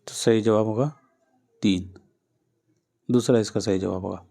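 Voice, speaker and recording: Male tutor, mellow tone, patient exam-drill delivery, repeats key answers. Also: fairly low pitch, steady tone, creaky. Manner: patient, repeats each answer, addresses listeners directly. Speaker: teacher. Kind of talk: exam-prep lesson.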